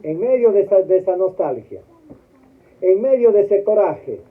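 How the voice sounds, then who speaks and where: A man's voice: high-pitched, lively intonation, normal speed. A man giving a memorial homily as a priest, putting questions to the congregation and waiting for them to answer. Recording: tinny phone-like sound.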